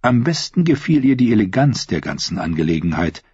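A man narrating an audiobook in a measured, expressive way. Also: on the low side, slightly rough, no echo. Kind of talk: scripted narration. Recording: slightly dull, dry recording.

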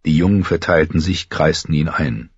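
A man reading an audiobook as narrator with lively, expressive storytelling. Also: a bass voice, normal speed, slightly rough, no echo. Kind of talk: scripted narration. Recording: muffled lo-fi, dry.

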